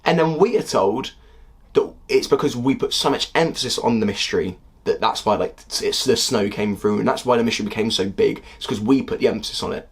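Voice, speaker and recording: A young man in his twenties with a husky voice, talking through a casual critique of a TV series in a heated, exasperated way. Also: fairly low pitch, brisk. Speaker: video critic.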